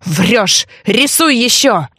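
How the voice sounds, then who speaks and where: A woman's voice: on the high side, lively intonation, slow pace, pushed and bright, no echo, studio quality, heavily acted. A woman doing a snarling power-hungry young man. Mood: greedy, demanding. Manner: gruff barking commands.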